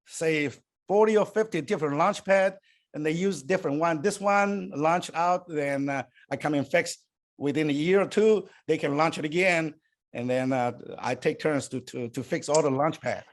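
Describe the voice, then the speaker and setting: This guest, an older man born and raised in Taiwan, speaks English as a second language after Chinese. His pitch is fairly high, and he answers the interviewer haltingly, often restarting and filling pauses.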